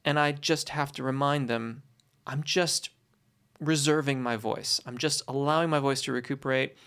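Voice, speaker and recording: Voice coach for Q&A lesson: medium pitch, conversational, reassuring, articulate, explains things deliberately. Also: fairly even intonation, fairly bright tone, smooth. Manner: encouraging, reassuring. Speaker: voice teacher, host answering questions.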